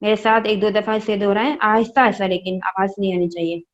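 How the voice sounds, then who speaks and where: A woman's voice: medium pitch, little pitch movement, fast talker, highs cut off. A woman teaching children Quran recitation in an online class, patiently spelling out each sound and asking them questions. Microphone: online class, own mic.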